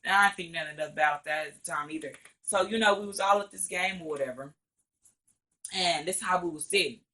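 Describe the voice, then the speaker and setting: A man's voice: high voice, fairly quick, bright, forceful tone. A teenage man from Arkansas, telling a rambling storytime with lots of "or whatever" and cursing. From Arkansas, USA. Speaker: vlogger. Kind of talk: casual storytime.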